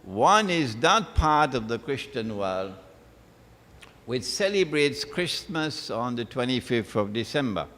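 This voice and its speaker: A man delivers an unhurried religious lecture, his pitch rising and falling widely as he drives points home. He repeats key phrases for emphasis. The sound carries a long reverb, like a large hall. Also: very animated, fairly bright tone. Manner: emphatic, repeats phrases, recites Arabic verses. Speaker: Islamic lecturer.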